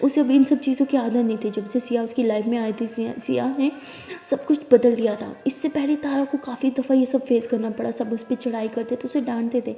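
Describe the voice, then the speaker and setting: A woman's voice: a little high, steady tone, brisk, creaky, dark tone. A woman narrating a love story in a casual, conversational storytelling style, in an echoey room. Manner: conversational, plain retelling. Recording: echoey room with long reverb.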